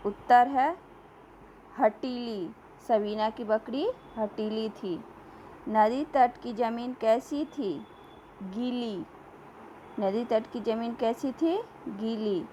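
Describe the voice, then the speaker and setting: A woman teacher giving a slow classroom lesson, reading questions and answers aloud and repeating words for young pupils. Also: a little high, mellow, a little hiss or hum, low-quality recording.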